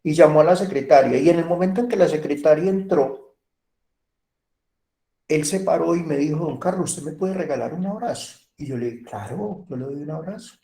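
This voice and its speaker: A man's voice: fairly high pitch, a little fast, mellow. A middle-aged Colombian man teaching an online university class, telling stories and acting out bits of dialogue. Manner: storytelling, acts out dialogue, repeats himself. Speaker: university lecturer.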